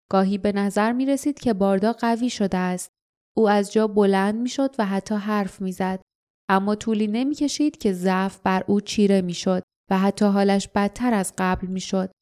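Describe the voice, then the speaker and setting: Mellow-voiced woman reading an audiobook. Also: mid-range voice, smooth. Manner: steady storytelling read. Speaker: audiobook narrator. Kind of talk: audiobook narration.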